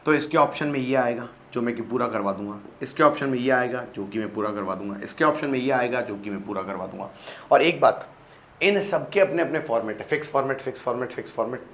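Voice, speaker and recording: A man's voice: medium pitch, fairly bright tone. A man with a Rajasthani accent teaching a class, repeating each point, quizzing his listeners and mixing English phrases into his talk. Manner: mixes English phrases into Hindi; clears throat often. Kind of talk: classroom-style lecture. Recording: echoey room with faint background hum.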